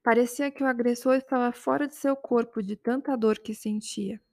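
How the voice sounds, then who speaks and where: A woman narrating a dramatic story in a calm, measured way. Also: on the high side, dry recording, clean studio sound.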